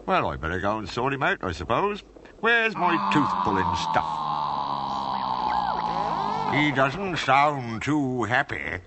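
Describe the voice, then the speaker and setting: A man's voice: mid-range voice, big pitch swings, slow, long pauses. A man voicing a kindly, put-upon cartoon servant with a British accent, muttering fussily and deferentially to himself. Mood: muttering, resigned. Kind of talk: British cartoon character acting. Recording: noisy soundtrack with constant background sounds.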